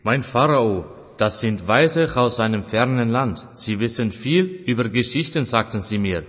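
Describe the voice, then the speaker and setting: A man's voice: mid-range voice, animated, a little slow, a bit bright. A man playing a deferential, persuasive subject of a pharaoh in an audio drama, speaking formally and respectfully. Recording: echoey, muffled band-limited recording.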